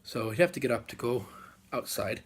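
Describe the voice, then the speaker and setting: A male storyteller with a husky, slightly rough voice at a middling pitch. He tells a folk tale aloud in an unhurried way, leaving dramatic pauses and repeating phrases as he goes. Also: lively intonation. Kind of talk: live oral folk storytelling.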